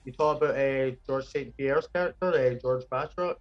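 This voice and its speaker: An eager male podcast host chatting casually about pop culture, his voice sitting in a middle register. He talks in excited bursts, and faint music plays softly behind him. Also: medium pitch, highs cut off. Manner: enthusiastic, quick bursts of excitement.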